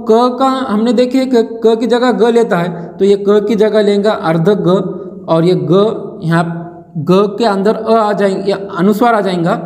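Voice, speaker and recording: A man's voice: sits high, a little mellow. A man teaching grammar in a classroom-style lesson, quizzing the class by asking each answer back and then repeating it. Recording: echoey room with long reverb.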